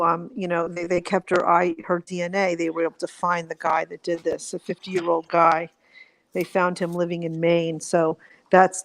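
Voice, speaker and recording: A woman's voice: fairly low pitch, dry recording, rough recording. A woman from Connecticut calling into a live stream, speaking hesitantly with many restarts. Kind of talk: casual chat.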